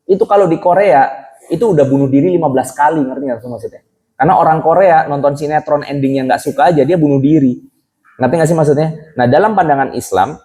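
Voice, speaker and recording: A man's voice: a little high, dark tone, low-quality recording. A male preacher giving a casual religious lesson to young people, chatty and full of rhetorical questions to the audience, with English phrases mixed into colloquial speech. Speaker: Islamic preacher teaching youth.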